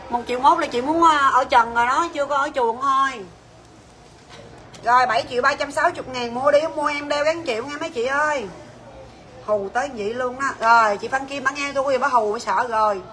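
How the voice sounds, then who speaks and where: Bright, high-voiced saleswoman. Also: slight background noise. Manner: chatty, bossy and teasing, calls out prices and staff names. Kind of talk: livestream sales pitch.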